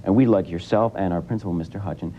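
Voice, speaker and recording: Deep-voiced teen guest, old broadcast sound. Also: male voice, fast. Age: teens. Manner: relaxed, rambling with many fillers. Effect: old 1980s TV broadcast sound. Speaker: student guest. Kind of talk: casual broadcast interview. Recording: dull lo-fi 1980s TV broadcast with faint rumble.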